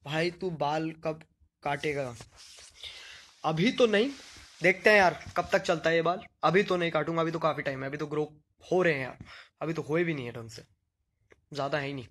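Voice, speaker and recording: Young male live streamer, slight Punjabi accent, slightly high voice, playful joking chat with viewers. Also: normal speed, pauses often, a bit bright. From Delhi region, India.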